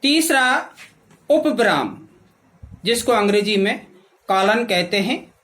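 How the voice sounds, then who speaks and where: A woman lecturer teaching trainee teachers. She speaks very slowly and evenly, as if dictating. Her voice sits at an ordinary middle pitch and she stresses each term with care. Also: animated, fairly bright tone, rough recording. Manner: slow, deliberate, spells out each punctuation mark. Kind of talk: classroom lecture.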